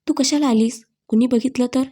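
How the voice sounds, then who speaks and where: Shy storybook bride, gentle and hesitant, soft mellow tone, voiced by a woman narrator. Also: sits high, fairly even intonation, a little fast. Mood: anxious.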